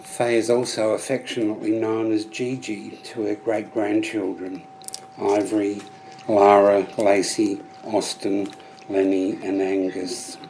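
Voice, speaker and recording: A man conducting a memorial service as celebrant, reading a formal eulogy in a solemn, gentle, measured way with frequent pauses. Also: on the low side, level tone, slight background noise, poor audio.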